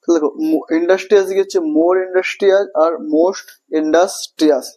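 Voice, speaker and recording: A man's voice: high-pitched, steady tone, unhurried, mellow. A man with a Bengali accent teaching an English grammar lesson, repeating words and asking and answering his own questions. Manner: repetitive, checks understanding often, asks and answers own questions.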